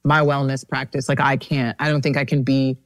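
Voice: medium pitch, little pitch movement, a little fast, dry recording. A podcast host asking reflective, searching questions in a conversational interview.

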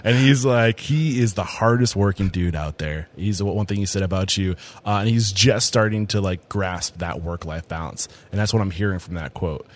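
A man's voice: deep voice, normal speed, hardly any pauses. A man from New Hampshire hosting a casual interview podcast, upbeat and chatty, with frequent fillers and restarts. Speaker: podcast host.

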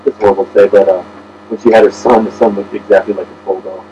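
Fast-talking man with wry asides. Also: fairly low pitch, little pitch movement, warm tone, highs cut off, slight background noise. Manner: wry storytelling, dry asides. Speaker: podcast guest. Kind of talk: casual comedic chat.

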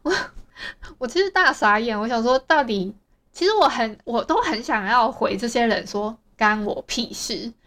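A woman's voice: on the high side, lively intonation, moderate pace, fairly bright tone. A young woman with a Taiwanese Mandarin accent, chatting casually as host of her audio diary podcast. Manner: chatty, rambling storytelling.

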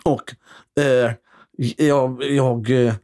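A man, an actor and comedian, telling theater anecdotes in a loose, animated way, often restarting with hesitations. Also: mid-range voice, smooth. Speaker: stage actor and comedian guest. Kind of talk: casual anecdotal storytelling.

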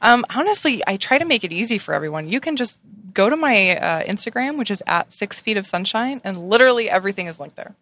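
A woman's voice: mid-range voice, fast. Woman guest chatting easy, lots of "right, yeah". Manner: relaxed, agreeable, frequent affirmations. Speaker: guest, wellness business owner. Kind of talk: casual chat.

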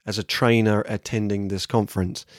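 A man's voice: lowish voice, little pitch movement, moderate pace, dry recording, studio quality. A man from England with an English accent, talking casually and candidly as a solo podcast host reflecting on his work. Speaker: podcast host, workshop trainer.

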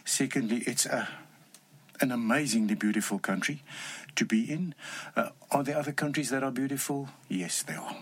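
Man, older, broad Afrikaans South African accent, native Afrikaans speaker, mid-range voice, halting conversational interview guest. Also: medium pitch, husky.

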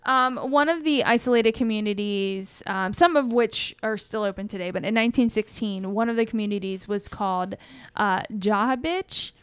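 A woman's voice: mid-range voice, moderate pace, clear, resonant tone, dry recording. A woman co-hosting a podcast, telling a story in a rambling, chatty way and often correcting herself. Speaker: podcast co-host. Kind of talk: casual storytelling chat.

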